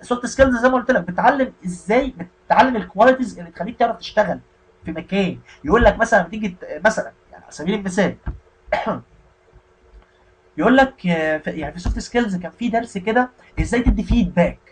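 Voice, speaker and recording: A man's voice: high-pitched, animated, rapid-fire, husky, rough recording. A man with an Egyptian Arabic accent giving a casual spoken lesson on IT careers, often checking in with the listener. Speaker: IT career instructor.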